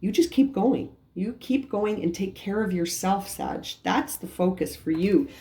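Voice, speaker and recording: A woman giving a tarot reading for a star sign, talking gently with many restarts and repeated phrases. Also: medium pitch, lively intonation, a little slow. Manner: gentle, repetitive, frequent restarts. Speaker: tarot reader.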